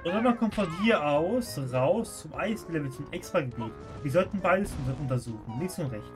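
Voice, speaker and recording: A man's voice: a little high, expressive, normal speed. A man giving casual live commentary as he plays a game on stream. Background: video game music.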